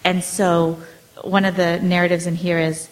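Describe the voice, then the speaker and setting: A woman in her forties, an author, has a lowish voice with flat delivery at normal speed, captured in a rough recording. Answering audience questions in a casual storytelling talk, she discusses her family's history loosely and hesitantly, with many fillers and restarts.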